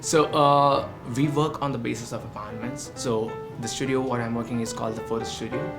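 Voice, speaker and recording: A friendly man talks easily about his photo studio, pausing on "uh"s. Clear background music runs under his mid-pitched voice. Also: fairly even intonation. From India. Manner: friendly, with frequent filler "uh". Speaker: ship photographer.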